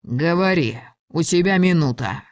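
A woman's voice: lowish voice, animated, a little slow, dry recording, clean studio sound. A woman voicing a cold, stern male dragon lord who gives icy, clipped commands. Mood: cold, angry.

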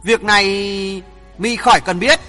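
A man reading aloud, voicing a hot-tempered old martial master who shouts in an angry, blustering way. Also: extremely high pitch, expressive, quick pace, husky, long reverb tail, soft background music, pitched above the performer's own voice, full character voice.

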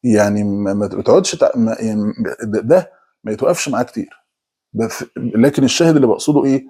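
A middle-aged man with an Egyptian accent giving a conversational religious talk, slipping into quick mock voices of people making excuses. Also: fairly low pitch, mellow, slightly rough. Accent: Egyptian Arabic. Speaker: preacher.

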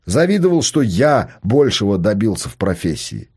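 A man reading a novel aloud, voicing a provocative adult son who needles and shouts at his father. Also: fairly low pitch, sing-song, normal speed, slightly rough. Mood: needling. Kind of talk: audiobook character voice.

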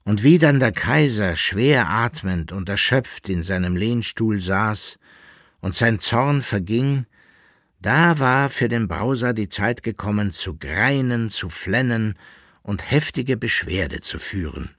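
Slow, low-voiced male narrator. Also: lively intonation, a bit bright, dry recording, studio quality. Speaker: audiobook reader. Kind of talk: literary narration.

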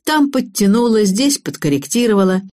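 Woman reading know-it-all joker guy, smug, lively intonation. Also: a little high, normal speed, no room sound, studio quality, voice pushed up.

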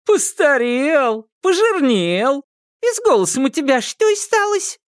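A woman voicing Kikimora, an excitable old female swamp spirit, with shrill, gasping exclamations. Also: measured pace, dry recording, clean studio sound. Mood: mocking.

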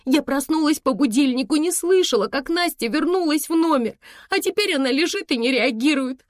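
A panicked teenage girl in a storybook reading, her voice pitched high and thin as she sobs and pleads, put on by a woman. The sound is dry and close. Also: measured pace, a little mellow, no echo. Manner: crying, pleading, breathless.

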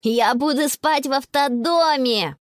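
A woman's voice: a little slow, dry recording, studio quality. Woman doing a whiny little boy. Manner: high, whining, insistent. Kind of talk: audiobook character voice.

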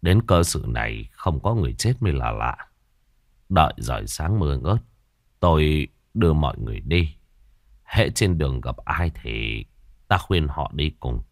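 A man voicing a worried middle-aged mandarin father who speaks low, hushed and measured. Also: sing-song, dry recording, studio quality, exaggerated voice. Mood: grave hushed.

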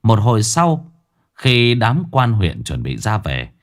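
A man's voice: fairly low pitch, huge pitch swings, slow pace. A man narrating a ghost story in a theatrical, swinging way. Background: faint music.

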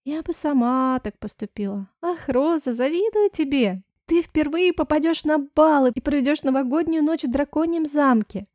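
This is a giddy, gushing young woman in a storybook, squealing and wheedling at her friend, as a woman reader puts her on. The voice sits high above the narrator's own and rings out loud, with a warm, mellow tone. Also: normal speed, few pauses, no room sound, studio quality, lightly acted. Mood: chatty.

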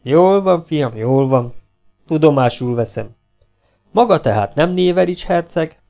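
A man's voice: a little high, expressive, vocal fry, mellow, soft background music, voice pushed up. A man voicing a pompous, condescending young asylum doctor with a patronizing, self-satisfied manner.

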